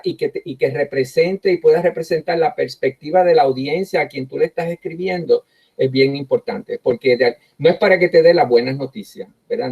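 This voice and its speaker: Middle-aged prof guy talking thru his writing habits, kinda husky, lots of pauses and little "right?" tags. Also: fairly high pitch, a little mellow. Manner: tags sentences with "¿verdad?" and pauses often on "eh". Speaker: professor and writer. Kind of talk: reflective talk on his writing process. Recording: dull lo-fi recording.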